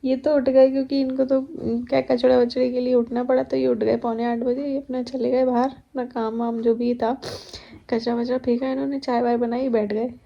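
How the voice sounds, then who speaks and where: A woman's voice: a little high, flat delivery, moderate pace, vocal fry, lo-fi sound. A young woman chatting to her viewers at home in a casual vlog, telling stories about her day. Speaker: vlogger. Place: at home, kitchen.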